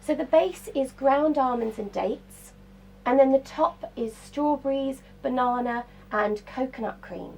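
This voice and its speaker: A cookbook author, guesting on a radio studio interview, talks enthusiastically about healthy desserts in an explanatory way. Her voice sits high and sounds unhurried, creaky, and a little mellow.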